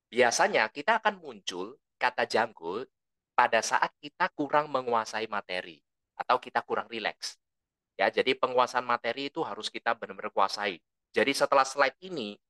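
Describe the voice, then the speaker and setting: Bright-voiced man teaching presentation skills. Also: mid-range voice, no echo. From lived abroad for a long time. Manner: relaxed, explanatory, tags sentences with "ya"; says his own volume tends to run loud. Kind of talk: lecture to a training group.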